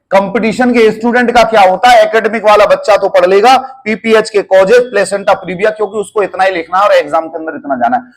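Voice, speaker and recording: A man, teaching nursing exam students in a direct, coaxing way and calling them his children. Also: high voice. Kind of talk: lecture.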